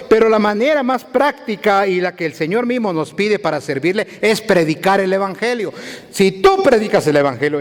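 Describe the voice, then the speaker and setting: A man preaching a sermon as a pastor, pressing his points with repeated rhetorical questions. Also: high voice. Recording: long reverb of a large hall.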